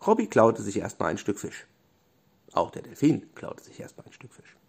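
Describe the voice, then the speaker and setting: Gentle bedtime storyteller, man, warm low-bright voice with lively melody; brief: soft and unhurried. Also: creaky, husky. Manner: gentle, with small restarts. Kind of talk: children's bedtime story reading.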